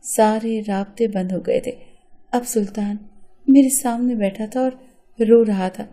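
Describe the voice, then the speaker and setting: A woman's voice: on the high side, fairly even intonation, dark tone. A woman narrating an emotional first-person story in an earnest storytelling manner.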